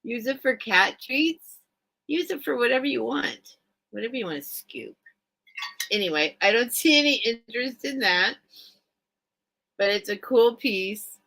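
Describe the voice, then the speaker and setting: A woman's voice: fairly high pitch, animated, measured pace, creaky, pauses often, bright, forceful tone, low-quality recording. A woman hosting a casual livestream sale of vintage items, thinking aloud and chatting in a rambling way. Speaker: online seller, host of live sales. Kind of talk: casual livestream sales chat.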